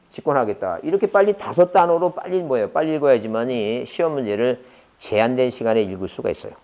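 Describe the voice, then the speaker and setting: A man's voice: medium pitch, a little mellow. A man lecturing a law exam class, firing rhetorical questions and answering them himself while repeating key terms.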